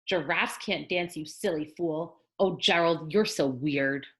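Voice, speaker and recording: Woman voicing brash, excitable jungle animals calling out. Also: sits low, measured pace. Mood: sneering.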